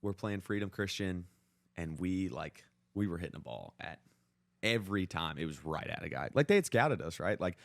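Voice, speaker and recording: A gravelly, low-pitched male voice, animated and at a moderate pace, recorded with no room sound. The speaker is a young American co-hosting a podcast, chatting about sports through stories in slangy, informal talk heavy on "like."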